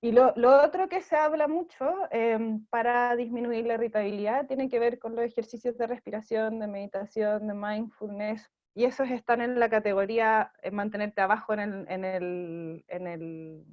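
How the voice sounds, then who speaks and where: A woman's voice: a little high, fairly even intonation, normal speed, few pauses. Chilean woman giving parenting advice, muffled audio. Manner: explanatory, frequent fillers and checking "¿sí?". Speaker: parenting program director. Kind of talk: advice talk in an interview.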